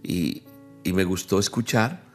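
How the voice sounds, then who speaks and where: A man with a low voice preaches a livestreamed sermon. He is earnest and talks straight to his listeners, repeating key phrases to drive them home. Soft music plays faintly behind him. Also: measured pace. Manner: addresses listeners directly. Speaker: pastor.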